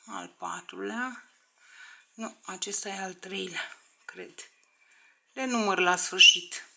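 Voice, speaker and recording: Lady teaching crochet, counting stitches half under her breath, bright voice with a gravelly edge. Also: mid-range voice. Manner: checks in with viewers with "da?". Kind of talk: step-by-step crochet tutorial.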